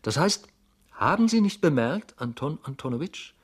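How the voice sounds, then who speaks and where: A man's voice: fairly high pitch, big pitch swings, moderate pace, slightly rough, voice pushed up. A man voicing a timid middle-aged male clerk who stammers, halts and keeps repeating himself, in an audiobook reading. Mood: anxious, pleading.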